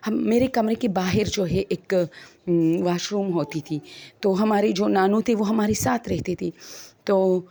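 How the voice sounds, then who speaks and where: A woman's voice: mid-range voice, gravelly, dark tone. A woman, chattily retelling a first-person ghost story to her listeners as friends and acting out the quoted dialogue.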